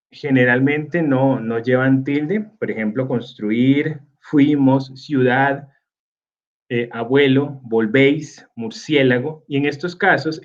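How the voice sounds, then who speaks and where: A man, teaching a recorded slide lesson slowly and filling pauses with hesitations. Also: mid-range voice, fairly bright tone, highs cut off. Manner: slow, with many fillers like "este" and "eh".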